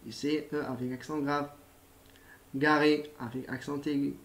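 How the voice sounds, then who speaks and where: Slow, patient male teacher. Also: on the high side, level tone, fairly bright tone. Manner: slow, patient, addresses pupils directly. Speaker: primary school teacher. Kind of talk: recorded spelling lesson.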